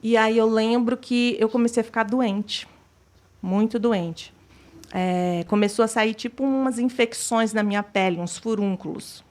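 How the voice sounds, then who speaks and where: A woman's voice: a little high, measured pace, a little mellow. Woman telling her testimony. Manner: retells scenes by acting out quoted dialogue. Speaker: guest giving a testimony. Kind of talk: personal testimony, storytelling.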